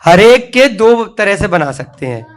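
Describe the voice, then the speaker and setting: A man's voice: high-pitched, big pitch swings, measured pace. A male teacher giving a classroom spelling lesson, who spells words letter by letter and has the children repeat after him.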